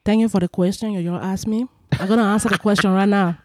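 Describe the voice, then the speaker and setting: A woman's voice: medium pitch, steady tone, fast, no room sound, clean studio sound, lightly acted. A woman putting on an as an emphatic advice-giver, instructing the listener. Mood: assertive.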